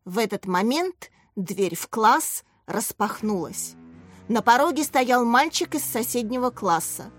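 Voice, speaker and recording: A woman reading a children's story aloud as narrator, in an expressive storytelling way. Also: fairly high pitch, a little slow, no echo, faint music behind. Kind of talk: audiobook reading.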